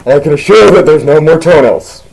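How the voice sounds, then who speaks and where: A man's voice: on the high side, animated, quick pace, vocal fry, a little mellow, poor audio. A man voicing a laid-back male skeleton in a rambling comedic storytelling style, full of restarts and absurd turns.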